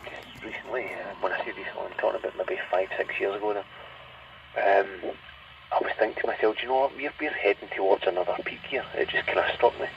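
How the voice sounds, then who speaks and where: Through the noisy, muffled speaker of a CB set in a car, a man from the Glasgow area chats away in casual radio talk. His voice is lowish and creaky, steady in tone, and he speaks quickly, sounding distant.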